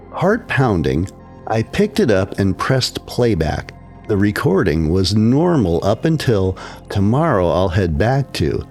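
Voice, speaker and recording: A man narrating a horror story as scripted narration, in a slow, hushed and suspenseful way. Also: lowish voice.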